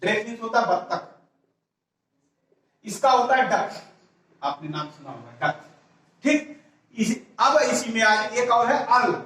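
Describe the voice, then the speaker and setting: Guy teaching grammar, pretty high voice, keeps repeating stuff and quizzing the class, sounds far off in a big echoey room. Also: expressive, measured pace, pauses often, a bit bright. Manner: explaining step by step, repeating words and asking rhetorical questions. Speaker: English teacher.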